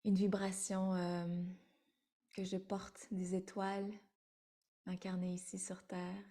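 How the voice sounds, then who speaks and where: A woman in her thirties from Vietnam, giving a halting, meditative spiritual talk as the teacher who leads a sharing circle, with many pauses and repeated words. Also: mid-range voice, completely flat delivery, mellow. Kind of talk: spiritual talk to an online audience.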